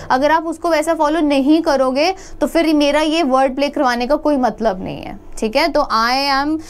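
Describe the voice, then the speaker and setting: A woman teacher with a Jammu Indian English accent, giving a recorded exam-prep lecture in a mix of Hindi and English, asking and answering her own questions and slowing down to pronounce words. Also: sits high. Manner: slows down to pronounce English words for students to repeat. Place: classroom with a board.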